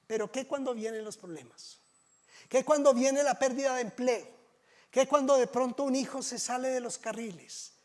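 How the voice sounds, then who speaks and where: A pastor delivers a sermon in a conversational, storytelling way. He often asks rhetorical questions. His voice sits very high for a man. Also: moderate pace.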